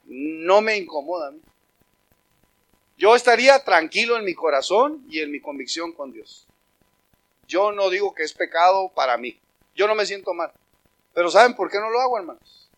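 A pastor with a high, bright-sounding male voice, delivering a sermon to his congregation. He talks in a loose, conversational way, then lifts his voice loudly when he calls out as God. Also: lively intonation, moderate pace, pauses often.

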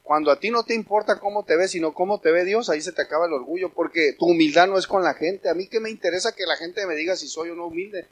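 High-voiced man preaching a sermon. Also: fast talker, few pauses. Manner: emphatic preaching, addressing the congregation as brothers. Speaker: pastor.

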